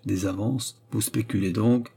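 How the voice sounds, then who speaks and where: A man voicing a greedy young courtesan, sharp, impatient and ironic, barely changing his own voice in an audiobook reading. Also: lowish voice, fairly even intonation, a little slow, creaky, slightly rough, exaggerated voice.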